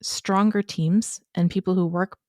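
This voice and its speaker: A woman educator talks as a podcast guest, earnest and emphatic, often closing a thought with a quick "right?". Her voice sits a little low, and the close mic leaves it dry, with no room sound. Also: steady tone, a little mellow, dry recording. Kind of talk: podcast conversation.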